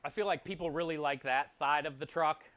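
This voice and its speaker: Clear-voiced man chatting casually on a livestream. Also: a little high, a little fast, a bit bright. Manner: friendly, appreciative, conversational. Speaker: food truck chef and streamer. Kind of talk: casual livestream chat to viewers.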